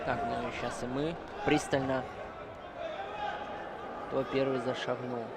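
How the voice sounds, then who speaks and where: Male co-commentator, mid-pitched, brief live match calls, clear crowd noise in the hall. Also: little pitch movement, measured pace. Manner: short play-by-play remarks and agreement. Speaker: wrestling co-commentator. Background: crowd and arena noise.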